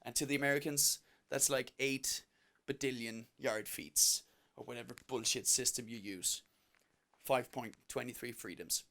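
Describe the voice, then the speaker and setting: A man doing stand-up comedy, telling an animated, self-mocking story. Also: mid-range voice, moderate pace.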